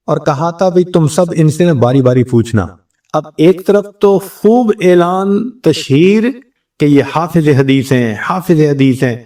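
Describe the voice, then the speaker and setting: A man's voice: medium pitch, dark tone, far from the mic. A male religious scholar giving a sermon, telling a story and acting out the quoted exchanges.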